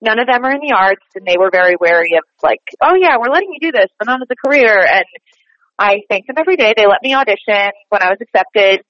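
In a casual interview, a young female stage performer from Boston talks fast in a mid-range voice with lively intonation. She laughs readily and leans on fillers, and the podcast recording sounds dry and slightly dull.

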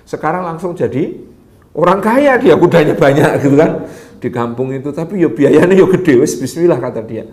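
A man tells a sermon story, his voice sitting a bit high for a man. He is animated, jumping into the voices of his characters and letting his phrases sink to a soft murmur at the end. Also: moderate pace. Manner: animated storyteller who acts out quoted voices and drops soft at phrase ends. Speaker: preacher.

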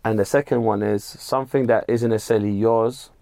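A man's voice: fairly low pitch, fairly even intonation, brisk, gravelly, dark tone. A man with a London accent hosting a podcast in casual, slangy interview chat. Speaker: podcast host.

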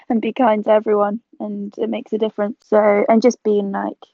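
A woman's voice: medium pitch, level tone, normal speed, creaky, dry recording. A woman in her twenties, originally from South Africa, chatting casually as an interview guest and laughing easily. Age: 20s. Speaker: guest photographer. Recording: tinny phone-like line.

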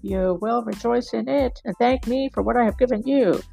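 A woman's voice: on the high side, moderate pace, vocal fry, dark tone, breathy edge, faint music behind, full character voice. A woman playing a bitter, wounded, club-footed man in a stage reading, pouring out a feverish, ranting monologue full of violent images. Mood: raving.

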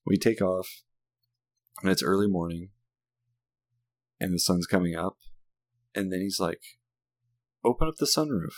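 A man in his thirties with a very deep, low voice tells a story about his young son in relaxed conversation. He laughs easily and swears casually. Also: unhurried, pauses often. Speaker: father telling a story. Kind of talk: casual podcast chat.

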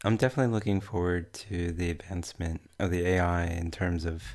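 A man with a broad New Zealand accent, talking casually about tech as a podcast panelist in a measured way, pausing mid-sentence. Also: sits low, fairly even intonation, a little mellow.

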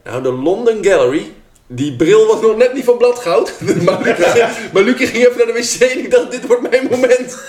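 A man's voice: high voice, normal speed, a crowd in the background. Een man die als co-host van een podcast losjes praat, expressief reageert en vaak lacht. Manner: expressive, laughing, swearing reactions. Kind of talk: casual chat. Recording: roomy room sound.

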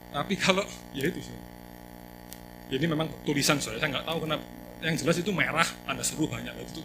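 A man preaching a sermon in a lively, joking way, often calling out to his listeners. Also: on the high side, poor audio. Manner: animated, jokey, addresses listeners as 'saudara'.

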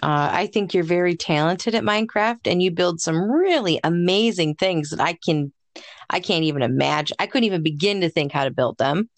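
Gentle, encouraging woman, lower voice. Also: no echo. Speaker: podcast co-host. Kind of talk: casual chat.

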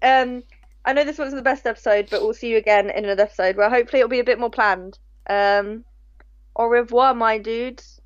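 High-voiced young woman, muffled lo-fi mic. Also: steady tone, brisk, no room sound. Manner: self-deprecating, silly, rambling. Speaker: podcast co-host. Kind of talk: casual chat.

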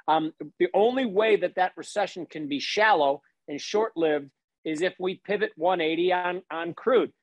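A podcast host, a man whose voice sits fairly high. The sound is dry and close, with no room around it. He agrees readily and keeps the conversation moving. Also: moderate pace, no echo, rough recording. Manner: agreeable, runs the conversation, hands off questions. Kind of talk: casual podcast chat.

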